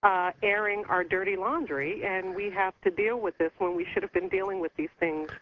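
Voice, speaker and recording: A woman calling in to a radio talk show over the phone, speaking earnestly with a concerned, halting manner. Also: medium pitch. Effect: heard over the phone. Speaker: caller. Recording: muffled phone line with faint hiss.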